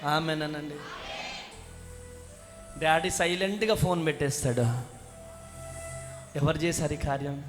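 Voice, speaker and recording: A woman's voice: low voice, a little slow, long pauses. A middle-aged woman pastor preaching a revival sermon, urging her congregation to clap and say amen. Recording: reverberant hall with faint music.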